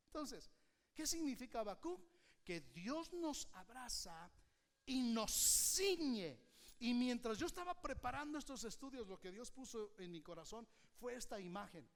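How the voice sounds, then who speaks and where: A man preaching an animated sermon as pastor, often having the congregation repeat his phrases back to him. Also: very high-pitched, measured pace. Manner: uses a hook prop and a volunteer as live illustrations.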